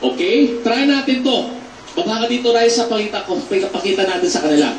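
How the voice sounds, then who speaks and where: A man, a theater actor, patiently teaching voice and breathing exercises on a TV show, breaking into loud demonstration shouts. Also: high-pitched, expressive, a little fast, slight background noise. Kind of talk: instructive voice lesson on a TV show. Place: TV studio with a live audience. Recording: echoey studio, mic some distance off.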